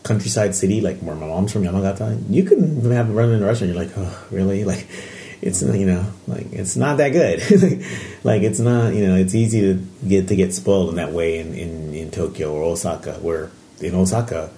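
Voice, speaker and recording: A man co-hosting a podcast, chatting casually and telling animated stories with frequent laughs. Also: sits low, fairly quick, slight background noise. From Japan. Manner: animated storytelling, laughs often. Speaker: podcast co-host. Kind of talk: casual chat.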